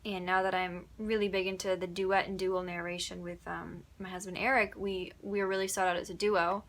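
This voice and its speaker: A young woman from upstate New York who works as an audiobook narrator chats through casual Q&A answers. Her voice is fairly low with little pitch movement and a moderate pace, and she fills her speech with plenty of ums and little giggles.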